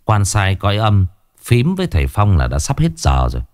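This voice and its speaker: Low-voiced man narrating a ghost story. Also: normal speed, no room sound, studio quality. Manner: lively, expressive reading.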